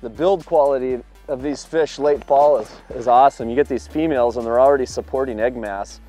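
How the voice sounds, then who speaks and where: Out on a lake in an open boat, a fishing video producer gives a brisk, mid-range commentary on his tackle, with faint music in the background. He's upbeat and explanatory throughout this on-the-water demonstration and gets excited when fish bite.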